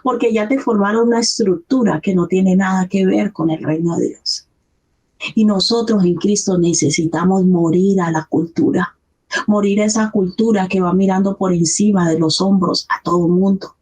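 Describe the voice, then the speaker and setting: Husky woman pastor preaching. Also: medium pitch, fairly even intonation, moderate pace, a little mellow. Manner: earnest, conversational preaching, acts out quoted voices. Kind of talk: sermon.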